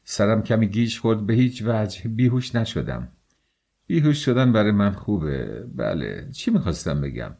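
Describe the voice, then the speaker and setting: Man reading a bitter young guy, low dark muttering, scornful. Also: very animated, gravelly, slightly rough, full character voice.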